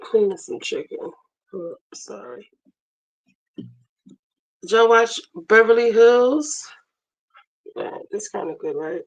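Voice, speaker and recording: Hoarse woman, gravelly, unhurried, casual livestream chat, kitchen, phone camera. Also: on the high side, low-quality recording. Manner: chatty, multitasking while cooking. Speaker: livestream host. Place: home kitchen, running water.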